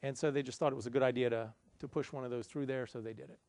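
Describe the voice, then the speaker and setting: In an indoor conference room, a middle-aged man races through an explanation of a slide on the projector screen, his mid-range, darkish voice fairly even in intonation and free of echo. The lecture, which has audience Q&A, comes across as conversational and self-deprecating.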